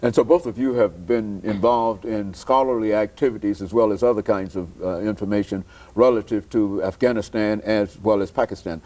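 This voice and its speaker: A man hosting a television interview, speaking slowly with many hesitant fillers. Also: lowish voice, dark tone. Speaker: host.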